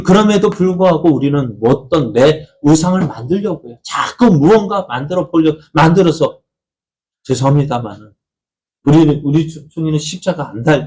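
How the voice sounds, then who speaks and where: Pastor, male, Sunday sermon; fairly high voice, asks the congregation questions and answers them himself, rises and dips widely. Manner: pitch and loudness rise and fall widely between phrases. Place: church sanctuary.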